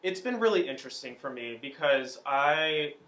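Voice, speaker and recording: A young man in his twenties from Miami speaks in an easy, reflective interview style, circling back and restarting his sentences as he thinks. His voice is bright and forward, and it rings around a noticeably echoey room. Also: a little high, expressive, moderate pace. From Miami, Florida. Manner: reflective, loose, many fillers and restarts. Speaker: theatre student and singer-songwriter. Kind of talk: casual sit-down interview.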